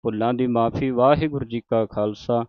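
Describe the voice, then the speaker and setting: A man with a smooth, resonant voice speaks very slowly and carefully, chanting verses and then explaining each pause. The sound is dry and close, a little dull and muffled. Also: medium pitch, no room sound. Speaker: Gurbani teacher. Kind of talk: recitation lesson.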